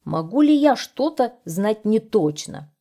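A woman playing a slow, wise old owl. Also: a little high, very animated, warm tone, pitched above the performer's own voice, heavily acted. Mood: measured. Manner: slow, measured, firm.

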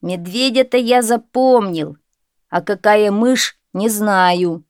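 Woman reader doing a brash, dim young hunter, slow and loud, for a storybook tale. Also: mid-range voice, clear, resonant tone, no room sound, studio quality, lightly acted. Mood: boastful. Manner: loud, eager, drawn-out exclaiming. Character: boastful dim-witted young male hunter.

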